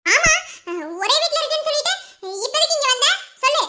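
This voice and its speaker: A woman voicing a sharp-tongued young woman in a cartoon, with a Madurai Tamil accent and a mocking, accusing way of talking. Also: extremely high pitch, exaggerated voice. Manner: mocking, accusing, quick retorts. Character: sharp-tongued young woman, the sister-in-law who stirs trouble.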